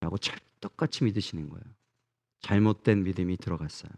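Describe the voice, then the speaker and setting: Male pastor, middle-aged, rather low voice, earnest sermon, asks the room questions. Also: quick pace, mellow.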